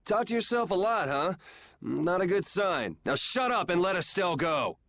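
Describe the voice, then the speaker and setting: A man's voice: high-pitched, very animated, moderate pace, fairly bright tone, a little hiss or hum, heavily acted. A man voicing a cocky, blunt young swordsman hero in a video game. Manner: sarcastic, blunt. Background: game soundtrack.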